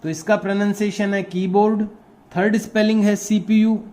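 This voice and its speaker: A man's voice: high-pitched, little pitch movement, normal speed, a little mellow. A male teacher with a Rajasthani Hindi accent, giving a classroom lesson to young pupils, patiently explaining and spelling words out letter by letter. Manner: explains patiently and repeats terms.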